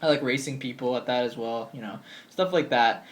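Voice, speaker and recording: Answering questions from viewers, a man of twenty talks at a medium pitch and a fairly quick pace. The casual vlog is set in his bedroom with game shelves, and he stays chatty and upbeat, using lots of ums and likes.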